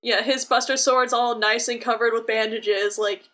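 A woman's voice: a little high, normal speed. A woman co-hosting a podcast, telling a video game story in casual chat and acting out characters. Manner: animated storyteller, acts out characters. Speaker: podcast co-host.

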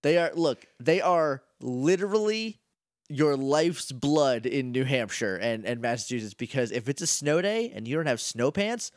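A man's voice: mid-range voice, expressive, normal speed, no echo, clean studio sound. An American man co-hosting a casual podcast chat, rambling through jokey, profane stories. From United States. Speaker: podcast co-host.

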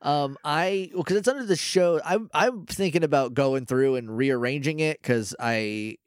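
A man's voice: fairly high pitch, moderate pace, dry recording, clean studio sound. Nasal, blocked-nosed man hosting a podcast. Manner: rambling, joking, self-deprecating. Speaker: podcast host. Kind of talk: casual unscripted podcast chat.

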